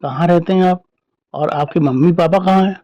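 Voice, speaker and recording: A man voicing a kind young working woman who talks gently and coaxingly to a lost child. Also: sits high, normal speed, natural voice. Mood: gentle.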